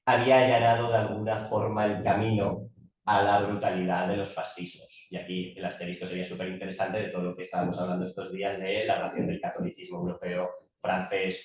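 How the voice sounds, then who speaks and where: A man's voice: deep voice, little pitch movement, fairly quick. A man giving an academic talk as a conference speaker, discursive and often adding tag questions. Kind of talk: academic talk, spoken semi-freely. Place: conference room. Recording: very echoey room, distant mic.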